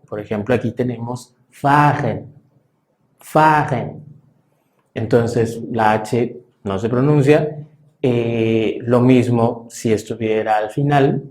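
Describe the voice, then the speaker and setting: Slow, patient male language teacher. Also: mid-range voice, a little mellow. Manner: slow, patient explaining with frequent "eh" fillers. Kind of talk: classroom lesson.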